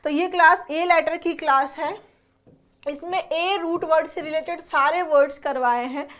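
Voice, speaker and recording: A woman's voice: high voice, steady tone, a little slow, a bit bright. A young adult woman teaching an exam-prep vocabulary lesson, explaining word roots and checking in with her students as she goes. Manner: explains and quizzes students with repeated check-ins; mixes English words into her talk.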